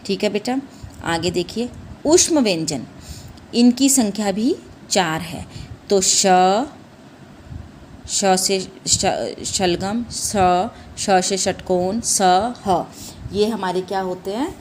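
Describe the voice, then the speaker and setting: A woman's voice: mid-range voice, takes it slowly, a little mellow, slight background noise. A young woman teaching a class of children, patient and repetitive, asking questions back, calling the pupils "beta", and drawing out sounds when she demonstrates them. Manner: patient, repeats "ठीक है" and asks questions back; calls listeners "बेटा" and "बच्चों". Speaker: primary school Hindi teacher. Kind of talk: classroom lesson.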